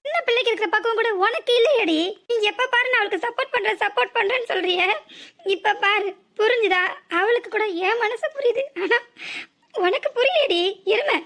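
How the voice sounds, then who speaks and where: A woman's voice: very high-pitched, brisk, a bit bright. A woman voicing a worried, scolding mother in a cartoon serial, who frets aloud and throws blunt insults at her daughters. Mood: hurt, scolding. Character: worried, scolding middle-aged Tamil mother.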